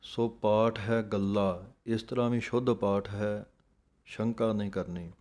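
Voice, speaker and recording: A man teaching scripture recitation, chanting verses slowly and then calmly explaining how each word should be pronounced. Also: on the low side. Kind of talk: slow recitation lesson with pronunciation corrections.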